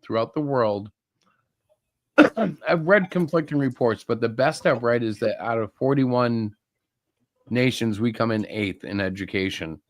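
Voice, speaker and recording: A man's voice: mid-range voice, measured pace, pauses often. A middle-aged man co-hosting a live stream, chatting casually and rambling through opinions with jokes mixed in. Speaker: co-host of a live-streamed show. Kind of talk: casual chat.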